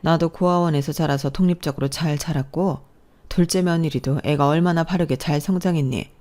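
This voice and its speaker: A woman's voice: deep voice, steady tone, a little fast, darkish tone, close to an everyday voice. A woman voicing a stern older mother-in-law in a storybook narration, with a firm, scolding manner.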